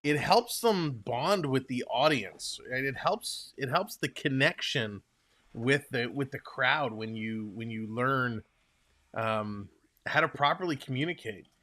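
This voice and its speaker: Chatty and rambling, a young Toronto-accented Canadian man runs a live hockey stream, reading out the chat and replying to viewers. He speaks in an animated, mid-range voice that sounds pushed and bright, without hurrying.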